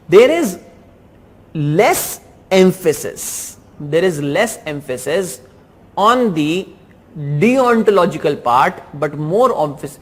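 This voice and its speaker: A man with an Indian English accent reviewing exam answers in a lesson, repeating key phrases for emphasis. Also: a little high. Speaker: teacher.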